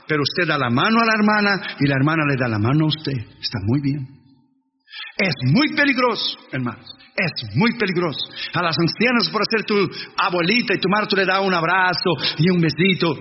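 High-voiced preacher in a reverberant church. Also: male voice, expressive, fairly quick. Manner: blunt, earnest preaching with English phrases mixed in. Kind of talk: sermon. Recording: dull reverberant church recording, faint noise.

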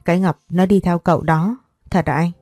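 A woman voicing a scheming sister who coaxes and persuades in a soft, even way. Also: fairly low pitch, brisk, dry recording, clean studio sound, soft background music, close to an everyday voice.

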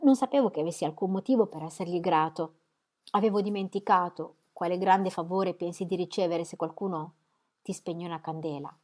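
A woman voicing an idle, proud young man in an audiobook, in a relaxed, slightly sulky tone close to her own voice. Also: lowish voice, fairly quick, close to an everyday voice. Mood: coaxing. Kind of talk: audiobook reading.

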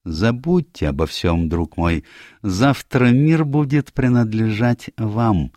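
A man's voice: lowish voice, lively intonation, slow, a little mellow, no echo, pitched above the performer's own voice. Man doing a commanding, self-assured old detective. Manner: authoritative, precise.

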